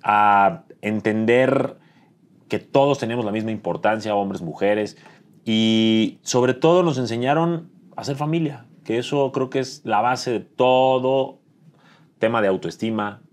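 A seated Mexican man in his thirties answers interview questions in a lowish voice. He is reflective, circling back and filling pauses as he reaches for the right phrase. The setting is a dim studio. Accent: Mexican Spanish. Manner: thoughtful, searching for words with fillers. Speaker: interview guest, entrepreneur. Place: dim studio set with dark curtains.

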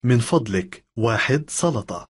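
Man, husky voice, measured scripted reading. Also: mid-range voice, animated. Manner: measured, careful delivery of each phrase. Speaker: language lesson speaker.

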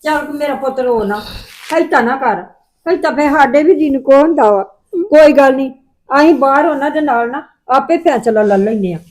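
A woman's voice: high-pitched, moderate pace, close to an everyday voice. A woman with a Punjabi accent playing an older village mother who pleads with and protects her son. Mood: worried pleading. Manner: coaxing, repeated pleading. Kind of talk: family drama dialogue.

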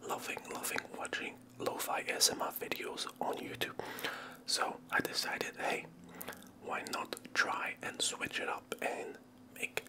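Young guy whispering right up on a tiny mic, fast aggressive lofi asmr host style. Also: rough recording. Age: young adult. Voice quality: whispered, unvoiced. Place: small indoor room at home. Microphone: small earphone mic held close to the mouth.

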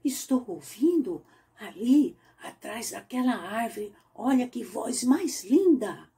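A woman voicing an eager little duckling boy in a children's story, with a high, pleading, childlike manner. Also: lively intonation, slow pace, vocal fry, mellow, full character voice. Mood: longing.

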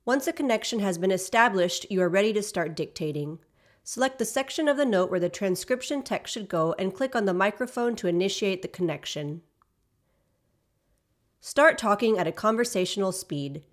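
A woman narrates a software tutorial from a script. Her voice sits at a medium pitch. She gives each instruction in a measured, explanatory manner suited to an app demo. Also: lively intonation.

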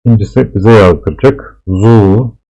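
Slow, patient male Arabic teacher. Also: lowish voice, warm tone, dull audio. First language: Turkish. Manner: patient, repeats each sound several times. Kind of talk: slow classroom explanation of letters.

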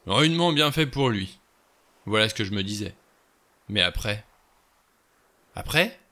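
A weary old general, haunted and resigned, as a man reads him aloud. He speaks slowly and quietly with regret, in a low, bright voice. He sounds beaten rather than angry. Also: lively intonation.

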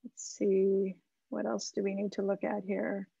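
A middle-aged American woman, a website marketing consultant presenting a webinar, gives informal, encouraging website critique and advice, thinking aloud conversationally over a video call. She speaks unhurriedly at medium pitch with a level tone, vocal fry, a dark tone and a breathy edge. She's in a small room with bookshelves, on a computer mic, with no room sound but slightly dull video-call audio.

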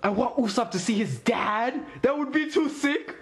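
A man with a notably high voice talks through an episode as it plays, in casual live reaction commentary. He is excitable and rambling, jumping from thought to thought with constant fillers. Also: normal speed. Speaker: anime reaction host. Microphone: wearing earphones while recording.

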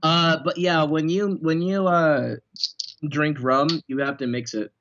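A man chatting casually while gaming, excitable and swearing a lot, rambling through explanations. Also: on the high side, measured pace, dull audio. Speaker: guest co-player.

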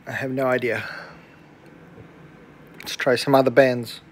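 A man with a medium-pitched voice talks at a measured pace with little pitch movement, over a noisy background. He is an electronics hobbyist presenting casual, hands-on demonstrations at a workbench in a small indoor room.

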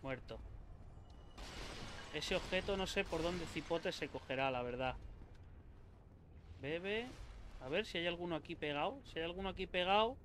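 A man from Spain with a Spanish accent, commentating his own gameplay in an excitable, swearing, talk-to-himself way. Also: fairly high pitch, moderate pace, long pauses, background noise. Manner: excitable, swears a lot, talks to himself and viewers. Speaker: gaming YouTuber.

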